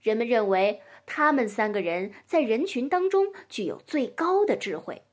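Breathy, lively woman storyteller. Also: on the high side, normal speed. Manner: gentle, expressive storytelling. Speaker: children's storyteller. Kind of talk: reading a children's story aloud.

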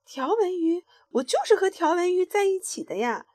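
An eager young rainbow fish from a children's storybook, bright and keen. The voice is high and sits dry and close to the mic, as a woman reads it aloud. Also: expressive, moderate pace, dry recording.

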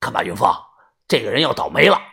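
A man voicing a calm, cool-headed companion who speaks low and quietly. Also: quick pace, vocal fry, breathy edge, heavily acted.

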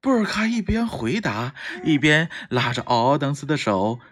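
A storyteller slowly reading a children's storybook aloud, with a gentle, breathy voice. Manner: slow, gentle, lively pitch with voiced characters.

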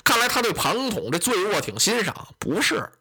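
A man telling a traditional story in a lively, colloquial, animated way. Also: high voice, normal speed, husky.

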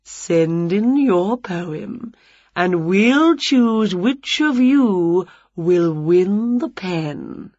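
Woman doing a slimy smooth vampire guy, slow and low and hushed, storybook vibe. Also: expressive, no echo, lo-fi sound, exaggerated voice. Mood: smarmy. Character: smarmy smooth male vampire TV presenter.

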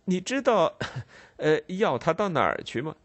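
A man's voice: on the high side, sing-song, unhurried, dry recording, pitched above the performer's own voice. A man voicing a timid middle-aged shopkeeper who speaks hesitantly, apologizing with nervous little laughs. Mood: apologetic, flustered.

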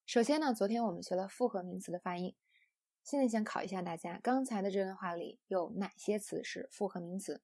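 A young woman from China explains English stress rules patiently in an audio lesson, with frequent soft fillers. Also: medium pitch, brisk, no echo. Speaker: English pronunciation teacher.

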